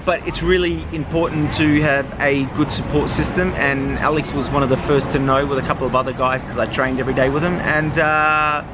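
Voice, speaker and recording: A man's voice: on the high side, flat delivery, a little fast, hardly any pauses. A man with an Australian accent, casually and frankly telling his own story as a vlogger, swearing freely. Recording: noisy with vehicle hum behind.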